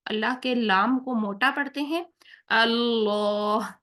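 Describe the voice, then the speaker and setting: A woman's voice: a little high, a bit bright. Patient woman teaching Quran recitation rules. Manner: patient, checks in with "theek hai?" after each point. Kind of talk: tajweed lesson with slow recited examples.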